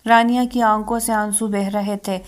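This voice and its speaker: A woman narrating a romance novel in a steady, even reading. Her voice sits at a middle pitch, and she keeps the same measured delivery throughout.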